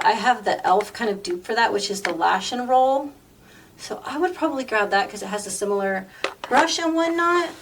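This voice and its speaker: Chatty woman a bit off-mic. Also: a little high. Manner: chatty and self-deprecating, with rambling asides. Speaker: beauty vlogger. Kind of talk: casual chat while doing makeup. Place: at home. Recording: voice a bit far from the mic, faint noise.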